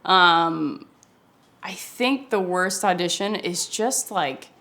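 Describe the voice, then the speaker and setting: A woman with a slightly low voice reflects casually as an actor being interviewed. She speaks haltingly, searching for words and breaking her sentences into fragments. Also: bright, forceful tone.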